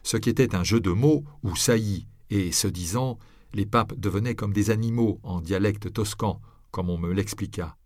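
A man with a low voice narrates an audiobook in a measured, even way. The sound is close and dry, with no room around it. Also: no echo.

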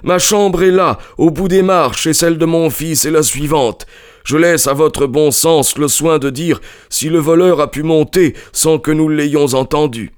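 A man's voice: on the high side, unhurried, smooth, voice pushed up, natural voice. A man voicing a grumpy old country squire in a story, impatient and huffy. His voice is pushed up well above a natural register and sits a little back from the microphone. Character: irritable older male country squire.

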